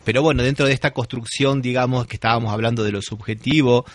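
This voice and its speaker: A man's voice: medium pitch, level tone, fast talker, no room sound. A man hosting a radio interview, thinking aloud and often checking in with tag questions. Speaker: radio host.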